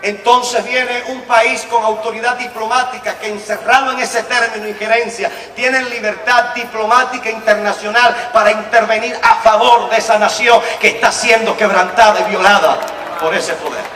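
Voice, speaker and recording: A man with a Venezuelan accent preaching a sermon, swinging from quiet storytelling to shouted proclamations. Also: high-pitched, steady tone, moderate pace, roomy sound, in a large hall, recorded from a distance, slight background noise. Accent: Venezuelan Spanish.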